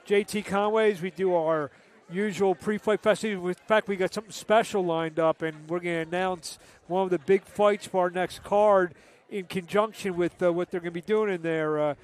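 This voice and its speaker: A man's voice: high voice, steady tone, fairly quick. A man doing play-by-play for a live boxing broadcast, setting up the fights and throwing to the ring announcer. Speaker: play-by-play commentator. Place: music venue boxing event.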